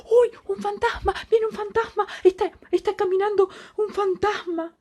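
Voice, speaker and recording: A woman's voice: sits high, normal speed, dark tone, pitched above the performer's own voice, lightly acted. A woman voicing a group of frightened male disciples in a boat, worried and crying out in fright.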